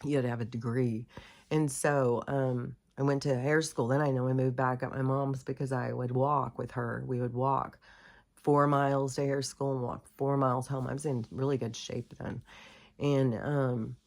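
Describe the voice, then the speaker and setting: A middle-aged woman from the US, acting as host, tells a personal story in a casual monologue, rambling and candid, with many fillers and self-corrections. Her bass voice is darkish with little pitch movement, at a normal speed.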